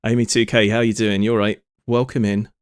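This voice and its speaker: A man's voice: on the low side, little pitch movement, a little fast, clean tone, no echo, studio quality. A man streaming live, rambling through joking asides as he watches a clip. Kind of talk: casual live-stream commentary.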